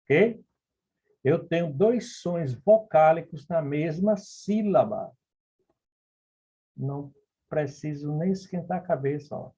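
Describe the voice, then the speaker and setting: Slow, mellow male teacher. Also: on the high side, lively intonation, breathy edge. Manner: explanatory, checks in with frequent "ok?" and "beleza?". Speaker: Portuguese grammar teacher. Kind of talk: recorded phonetics lesson solving exam questions. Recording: dull lo-fi recording.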